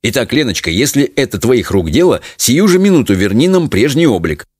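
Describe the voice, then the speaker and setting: A man's voice: mid-range voice, a little fast, slightly rough, dry recording, studio quality, pitched above the performer's own voice. A man reading a pompous, stiff father. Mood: stern. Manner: calm, stiff and self-important. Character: pompous middle-aged father, shrunk.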